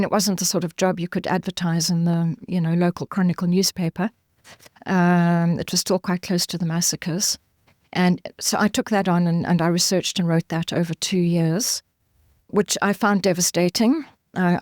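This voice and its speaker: A middle-aged woman from Zimbabwe, a guest forensic anthropologist, giving measured, earnest interview answers with frequent pauses and ums. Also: lowish voice, a little mellow, dry recording, clean studio sound.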